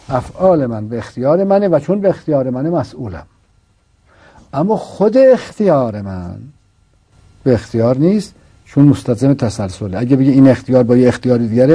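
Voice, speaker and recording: Teacher, male, very dark and husky voice, lively pitch, didactic and argues by rhetorical questions. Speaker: religious philosophy teacher. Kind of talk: didactic philosophical explanation.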